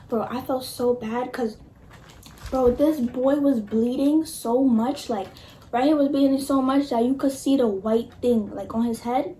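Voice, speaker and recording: A young woman telling a casual storytime in an animated, emphatic, slangy way, swearing freely. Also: high-pitched, poor audio. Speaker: vlogger. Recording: noticeable background noise.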